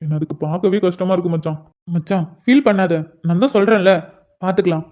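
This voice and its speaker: A man's voice: sits high, quick pace, darkish tone, lightly acted. A man voicing an earnest young man in a cartoon, talking to his friend about his troubled little sister. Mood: worried. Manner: earnest, pleading, calls his friend "machan". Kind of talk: cartoon voice acting. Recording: dull lo-fi sound.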